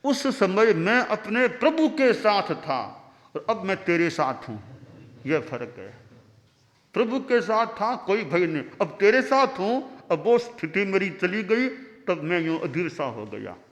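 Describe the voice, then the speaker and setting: A man voicing an elderly guru who stays calm in meditation but gets fussy over small things, in a soft, low, mild way. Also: a little slow. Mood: gentle. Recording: long hall reverb.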